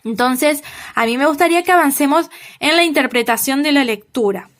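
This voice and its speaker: Woman teacher w a high voice going over assignments, keeps asking "right?", lots of ums. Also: a bit bright. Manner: checks in with "¿sí?" after nearly every point, many "eh" fillers; slow, emphatic on key examples. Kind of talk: recorded lesson giving feedback on assignments.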